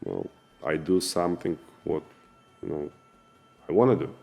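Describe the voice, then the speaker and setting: Very deep-voiced Russian-accented man in his 40s. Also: big pitch swings, gravelly, a little mellow, soft background music. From former Soviet Union. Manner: earnest, halting with many fillers and restarts. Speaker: vlogger and businessman. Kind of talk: casual personal storytelling to camera.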